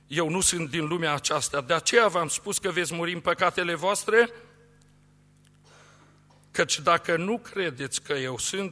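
A man preaches with a high, bright and forceful voice, swelling and dropping for emphasis. His sermon rings with long reverb, as in a church hall. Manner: solemn, emphatic, rising and falling delivery. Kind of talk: sermon with scripture reading.

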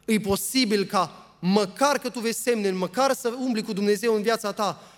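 A man with a high voice preaches a sermon, reading long passages of scripture aloud. He talks earnestly and keeps putting questions to his listeners. His voice rings out with a long reverb, as in a church hall. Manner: earnest, asks the congregation rhetorical questions; reads scripture aloud at length.

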